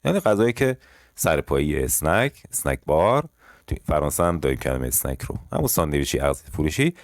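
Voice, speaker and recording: A man with a very low voice that still moves around a lot in pitch, teaching French phrase by phrase. He explains in Persian, casually calling his learners kids, and slows right down to repeat each French sentence. The sound is dry and close, with no room around it. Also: sing-song, no echo. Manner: explains in Persian, reads French lines slowly and repeats them. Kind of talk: language lesson explaining phrases.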